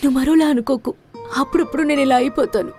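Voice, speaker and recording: A woman's voice: high-pitched, racing, music in the background, close to an everyday voice. A woman playing a grieving young mother. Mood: tearful. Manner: emotional, earnest. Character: devoted young mother haunted by loss. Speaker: daughter and wife in a film. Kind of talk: dubbed film dialogue. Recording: film score playing behind her.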